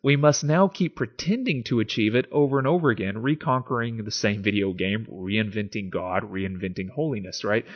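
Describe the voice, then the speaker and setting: A man with a fairly low voice talks at a moderate pace with hardly any pauses, and the recording is muffled. He hosts an informal video essay on philosophy, explaining it and reading aloud dramatically and emphatically over background music.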